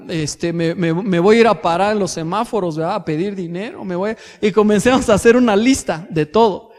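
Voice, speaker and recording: A man with a Mexican accent preaching a sermon in a church, asking his congregation rhetorical questions and pausing on fillers as he goes. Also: high-pitched, a little mellow, long reverb tail. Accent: Mexican Spanish. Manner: addresses congregation as brothers, asks rhetorical questions; hesitant fillers and restarts. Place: church hall.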